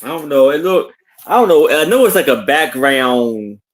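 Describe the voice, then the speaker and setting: A man's voice: a little high, expressive, moderate pace. Hesitant man in casual chat. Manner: hesitant, restarts a lot. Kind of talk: casual live-stream chat.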